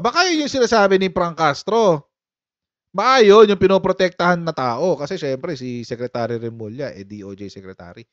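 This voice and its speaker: On a casual political commentary live stream, a man with a mid-range voice chats with his viewers and laughs often. The recording is dry, dull and muffled, with a lo-fi sound.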